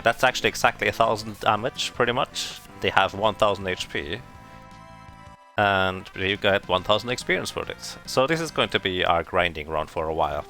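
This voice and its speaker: A man's voice: sits low, gravelly, sharp tone. A man streaming a game, chatting casually and thinking aloud, his voice sounding tinny and canned through a substitute microphone. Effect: tinny tin-can sound from a substitute microphone.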